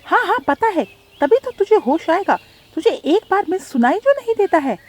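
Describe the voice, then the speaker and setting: A woman's voice: big pitch swings, moderate pace. A woman voicing a spoiled young female cartoon bird who whines and accuses her stepsister. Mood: whiny accusing. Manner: whiny, accusing, shrill.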